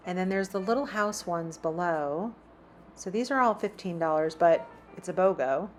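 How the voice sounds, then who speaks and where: Inside a big store, a woman vlogs a casual shop-with-me walk-through, calling out prices as she goes. She speaks at normal speed in a fairly low voice, with slight background noise.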